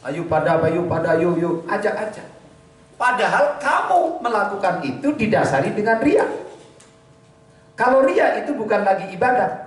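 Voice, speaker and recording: A man's voice: high voice, distant mic. A man with a Javanese accent teaching a Ramadan kitab study as a boarding-school teacher, reading Arabic phrases with a Javanese gloss and then explaining them. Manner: acts out weeping prayers in a hushed voice. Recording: very echoey hall.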